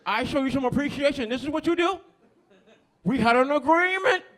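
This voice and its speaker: A man voicing an angry, indignant woman who scolds in a high, shrill voice. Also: animated, brisk, fairly bright tone. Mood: outraged. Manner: outraged, scolding.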